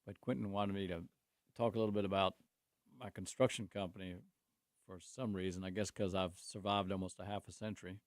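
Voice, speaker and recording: This construction company owner in his 60s speaks in a low, fairly quick voice with fairly even intonation, captured as clean studio sound with no room sound. As a guest in a casual talk show conversation, he rambles through stories of his life and faith, restarting often and talking openly about faith.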